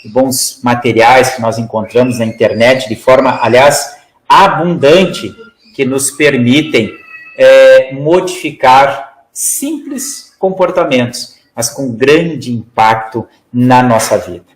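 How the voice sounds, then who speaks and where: A man's voice: medium pitch, takes it slowly, echoey room, poor audio. A man giving a spiritist study talk as lecturer. He explains in a teaching way, often adds "né?", and acts out example phrases. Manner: didactic, acts out example phrases, many "né?" tags.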